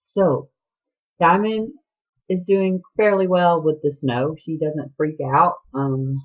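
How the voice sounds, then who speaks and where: A woman's voice: low voice, fairly even intonation, slow. A woman from Georgia with a Southern accent, hosting a casual podcast from home, chatty and rambling and laughing often. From Atlanta, Georgia. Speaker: podcast host. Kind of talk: casual video podcast chat. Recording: tinny, phone-like sound.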